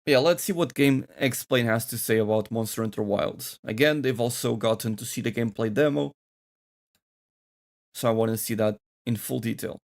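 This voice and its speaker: A man's voice: medium pitch, normal speed, vocal fry. A man hosting a gaming channel, thinking aloud and rambling through casual reaction commentary.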